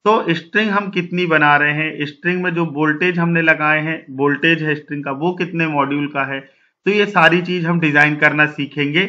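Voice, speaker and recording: A man's voice: a little high, fairly even intonation, normal speed, pushed and bright, highs cut off. A man hosting his own channel, teaching a technical lesson and working steadily through examples one step at a time. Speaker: solar instructor and channel host.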